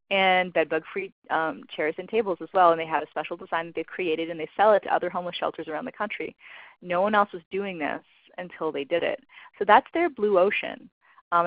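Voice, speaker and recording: A woman's voice: fairly low pitch, no room sound. Chatty woman on lo-fi webinar audio. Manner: casual and conversational, many fillers. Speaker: fundraising presenter. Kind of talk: webinar presentation. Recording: dull lo-fi dry webinar audio.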